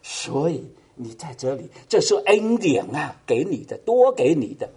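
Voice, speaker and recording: A man voicing Jesus gently consoling a believer in a retold dream, speaking slowly and tenderly. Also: a little high, big pitch swings, breathy edge, exaggerated voice.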